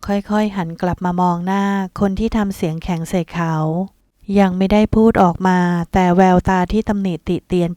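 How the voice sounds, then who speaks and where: A woman narrating an audio novel in a steady storytelling manner. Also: mid-range voice, clear, resonant tone, dry recording, clean studio sound.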